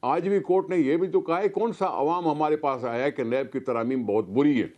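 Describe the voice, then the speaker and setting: A man with a Pakistani Urdu accent argues his point on a talk show, firing off rhetorical questions. His voice sits a little high yet sounds mellow and dark. He talks with steady conviction. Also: moderate pace. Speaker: political guest. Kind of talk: heated talk show debate.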